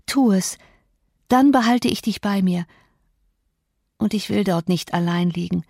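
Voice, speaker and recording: A woman's voice: medium pitch, unhurried, creaky, a little mellow, no echo, studio quality. A woman voicing a feverish, delirious young woman who speaks in a raised, exalted, pleading way. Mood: delirious yearning.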